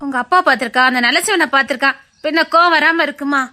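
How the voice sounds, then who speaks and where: A woman's voice: high-pitched, quick pace, sharp tone. A woman playing a practical aunt who consoles and lectures patiently, speaking with a Tirunelveli accent. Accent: Tirunelveli Tamil. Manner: soothing yet lecturing, reasoning patiently. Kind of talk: web series drama acting.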